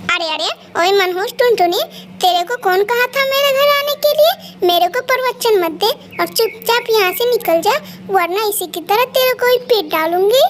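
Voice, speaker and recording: A woman doing a spiteful shrill crow mother-in-law. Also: moderate pace. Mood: scolding. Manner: harsh, scolding, shrill. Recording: steady background noise.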